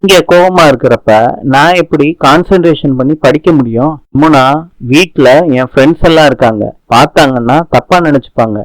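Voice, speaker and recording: A man's voice: on the high side, a little fast, no echo, natural voice, low-quality recording. A man reading the lines of a stern, irritated young man, firm and dismissive, in a dry recording.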